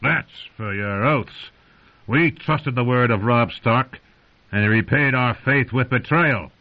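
A hostile knight who speaks with cold scorn, played by a male narrator. The voice sits high for a man, and the recording is muffled and lo-fi. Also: slow. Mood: scornful. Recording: dull lo-fi audio.

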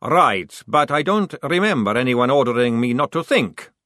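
A man's voice: mid-range voice, big pitch swings, normal speed, fairly bright tone, no room sound, voice pushed up. Brief: sarcastic vampire recruit, cool and mocking, male reader. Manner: sarcastic, dry.

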